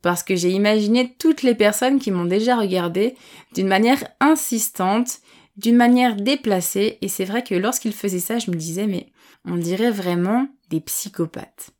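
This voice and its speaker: Woman, language teacher, vocabulary lesson, slow deliberate delivery, patient explanations, mid-range pitch. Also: darkish tone. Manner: patient, clear explanations with examples; speaks slowly and distinctly on purpose.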